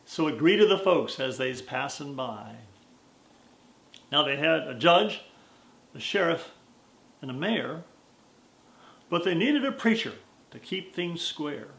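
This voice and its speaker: An American man telling a story in verse as a dramatic, deliberate and strongly emphatic recitation. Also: sits high, fairly bright tone, reverberant. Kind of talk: dramatic recitation of a cowboy poem.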